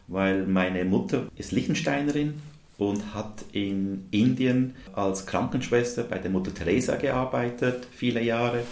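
A man raised in India, a native English speaker, answers interview questions as a guest, speaking as a charity volunteer who also works as a dental technician. His voice is on the low side, gravelly with a darkish tone, full of hesitations and filler sounds, recorded with roomy echo.

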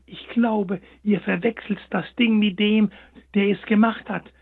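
A man voicing a small, lonely young male hare in a storybook, earnest and pleading, with a husky voice on a tinny line. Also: high voice, fairly even intonation, a little slow, voice pushed up, heavily acted. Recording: tinny phone-like sound.

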